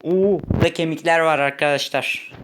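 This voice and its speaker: A young man giving casual gameplay commentary, chatty, muttering when frustrated and shouting when excited. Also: on the high side, brisk, background noise. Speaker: gaming YouTuber.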